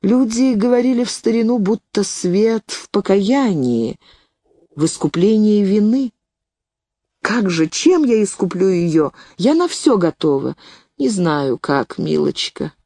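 Woman doing an older spinster aunt: remorseful, grave, unhurried, soft dark tone. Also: medium pitch, animated, no room sound, clean studio sound. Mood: grave, consoling. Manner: anguished, self-reproaching, then grave and soothing.

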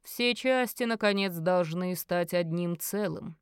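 A cruel old male sorcerer, put on by a woman reading a storybook, speaks slowly with a lowered, commanding weight. His words come out heavy and loud. The recording is dry and close. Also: smooth, no echo. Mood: solemn. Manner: slow, low and commanding.

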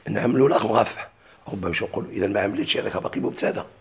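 Gravelly Moroccan-accented grammar teacher. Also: male voice, on the low side, racing. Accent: Moroccan Arabic. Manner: asks questions and answers them himself. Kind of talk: classical grammar lesson.

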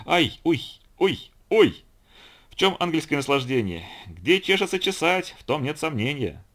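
A man's voice: fairly high pitch, sing-song, moderate pace, a bit bright, pitched above the performer's own voice. A man voicing a delighted male doorman in an audiobook reading, laughing and squealing as he talks. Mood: gleeful.

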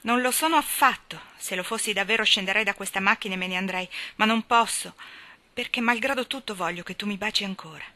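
A woman's voice: medium pitch, fast, pushed and bright, no room sound, natural voice. A woman reading aloud and giving voice to a tormented young woman doctor, speaking out in impassioned, defiant bursts. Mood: earnest. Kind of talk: dramatic audiobook reading.

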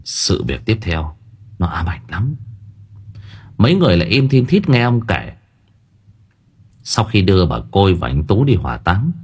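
A man's voice: on the low side, slightly rough. A man narrating a horror story in a dramatic storytelling manner. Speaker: audiobook narrator. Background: faint background music.

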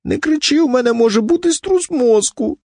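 High-pitched whiny wife, feeble, plaintive, sulky, voiced by a man. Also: expressive, moderate pace, warm tone, dry recording, clean studio sound, exaggerated voice. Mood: tearful protest. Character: feeble, whiny middle-aged wife playing sick. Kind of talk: audiobook character voice.

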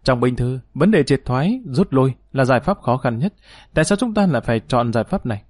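A man's voice: medium pitch, animated, brisk, darkish tone, no room sound, close to an everyday voice. A man voicing a confident, protective leader who speaks in an easy-going, assured way, recorded dry. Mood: serious.

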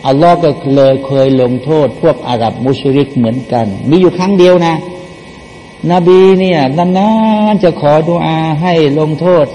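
The speaker is a male Quran teacher whose voice is fairly high-pitched and mellow, moving at a normal speed. He offers sermon-style commentary, raising questions for his listeners and answering them, with chanted Arabic verses placed between his plain explanations. There's long hall reverb and faint background noise.

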